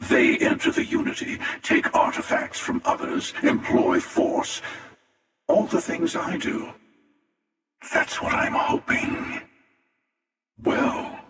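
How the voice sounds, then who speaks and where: An actor playing a menacing, arrogant, world-weary hunter villain in a video game, with a gravelly voice and a deliberate, sardonic delivery. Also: male voice, very high voice, a bit bright, heavily acted. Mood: commanding, haughty, then sarcastic. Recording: echoey, long reverb, distant.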